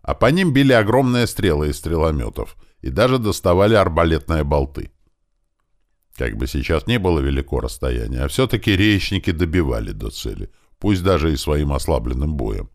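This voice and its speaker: A man with a very deep, low voice reads an audiobook. His delivery is lively, and his pitch rises and falls a lot as he moves through the story. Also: normal speed. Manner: lively, shouting out the characters' battle commands. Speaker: audiobook narrator. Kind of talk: audiobook narration.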